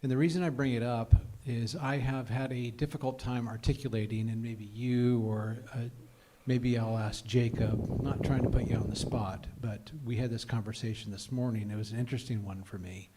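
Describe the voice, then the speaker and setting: A man teaching a congregation's Bible study, reasoning aloud with frequent pauses and reading scripture with rising emphasis. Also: mid-range voice, fairly even intonation, noisy background. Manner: thoughtful, reasons aloud with many "uh"s. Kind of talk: group Bible study discussion.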